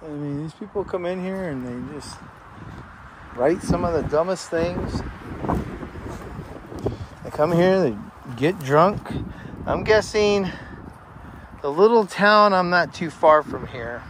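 A male urban explorer vlogger with a fairly high voice walks through abandoned desert ruins next to a highway, defending himself in his commentary. He speaks slowly with long pauses but gets insistent, repetitive, and heated when he turns to his critics. His outdoor camera mic clearly picks up road noise, passing cars, and wind.

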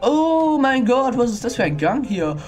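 Young man, gaming commentator, sarcastic, animated pitch, game music clearly behind. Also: normal speed. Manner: mocking, talks back to the game characters. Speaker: gaming YouTuber. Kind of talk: sarcastic let's-play commentary.

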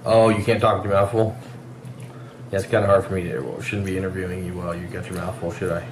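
A man's voice: low-pitched, little pitch movement, quick pace. A man vlogging at the dinner table at home, chatting playfully with his child in a teasing way, with hesitant fillers. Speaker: vlogger and father. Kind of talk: casual home vlog chat. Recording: roomy echo with light background noise.

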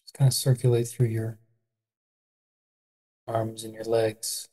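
An adult meditation guide with a medium-pitched voice leads a body scan, speaking calmly, gently and without hurry, leaving pauses throughout.

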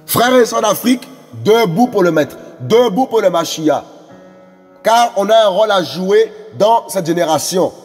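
A man's voice: high voice, animated, a little slow, a little mellow, breathy edge, in a large hall, soft background music. A male preacher delivering a fervent sermon, repeating phrases and stumbling over fillers as he exhorts. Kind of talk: evangelistic sermon.

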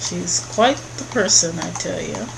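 A woman's voice: fairly low pitch, animated, measured pace, vocal fry, heavy background noise. A young woman giving casual let's-play commentary as she plays a video game. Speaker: gaming video host. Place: small indoor room at home.

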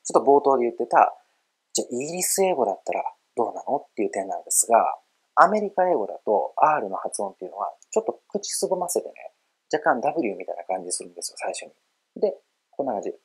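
A middle-aged man gives a casual video lesson on English pronunciation, explaining in a friendly way, calling himself an old guy and demonstrating words with exaggerated emphasis. His mid-range, darkish, slightly rough voice is sing-song and fast, and the recording is rough.

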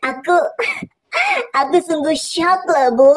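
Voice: sits high, slow pace. A performer voicing a bossy, sly schoolgirl who whines and taunts, in a cartoon. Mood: whining. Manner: whiny and taunting. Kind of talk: cartoon voice acting.

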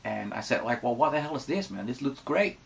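A Dutch man in his forties with a Dutch accent, chatting relaxed and casually to camera with many fillers in a room lined with bookshelves. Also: mid-range voice, brisk, vocal fry. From Netherlands. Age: 40s. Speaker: vlogger. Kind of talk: casual vlog talk to camera.

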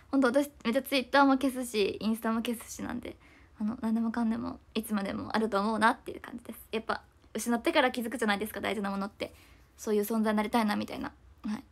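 A young woman chats at speed on a livestream, casual in tone, reading comments from her audience and often offering apologies. Her pitch is fairly high and her intonation fairly even.

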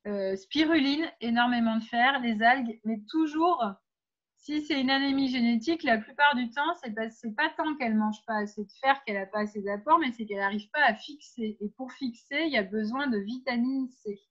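A woman with a fairly high voice leads an informal workshop, talking her listeners through practical tips in a direct, hesitant way. The sound is dull and lo-fi. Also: normal speed, a bit bright. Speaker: workshop leader on pregnancy and birth.

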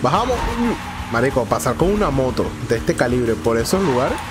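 A Venezuelan man giving excited, slangy gameplay commentary with loud exclamations and rapid repeated words. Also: medium pitch. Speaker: gameplay streamer. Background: game music.

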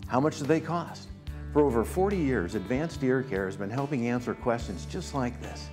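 Lively, salesy man in a TV ad. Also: medium pitch, moderate pace, over music. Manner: upbeat salesy. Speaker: ad spokesman. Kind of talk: TV commercial pitch.

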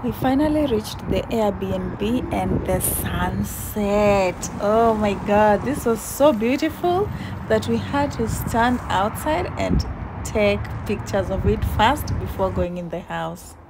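Excited woman vlogger with a casual, chatty delivery and a noisy recording. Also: medium pitch, slow. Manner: chatty, excited, addresses viewers as guys. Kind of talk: casual travel vlog chat. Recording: noisy background hiss.

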